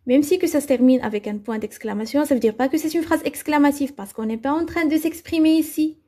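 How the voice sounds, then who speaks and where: A woman's voice: high-pitched, fairly quick, dark tone. A woman teaching a grammar lesson to children, asking the class questions and then answering them herself. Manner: repeats "c'est bon?" to check understanding.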